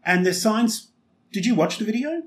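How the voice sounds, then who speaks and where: A man co-hosting a podcast who is opinionated and emphatic in casual chat, often telling stories with quick asides. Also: sits high, lively intonation. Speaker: podcast co-host.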